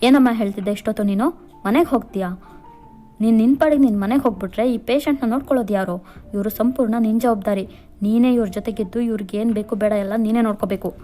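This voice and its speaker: A woman's voice: on the high side, fast talker, warm tone, faint music behind, lightly acted. A woman voicing a hospital doctor who firmly lectures and explains duties in a fan-fiction voice-over. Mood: stern. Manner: firm, lecturing, matter-of-fact.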